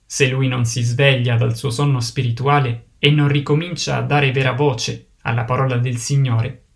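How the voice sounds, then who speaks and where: A man delivers a sermon in a mid-range voice. His delivery is solemn and measured, each phrase set down with deliberate weight. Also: mid-range voice, little pitch movement, creaky. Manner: solemn, measured preaching cadence. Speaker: preacher.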